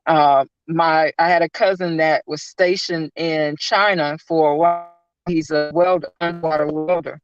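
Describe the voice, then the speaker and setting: A woman's voice: low-pitched, steady tone, normal speed, clear, resonant tone, no echo, soft background music. Woman guest on a breaking-up video call, lo-fi, restarts her sentences a lot. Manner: talkative, restarts sentences often. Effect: glitchy call audio dropping in and out. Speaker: guest on a live online show. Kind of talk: casual chat. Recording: dull, dry internet call audio.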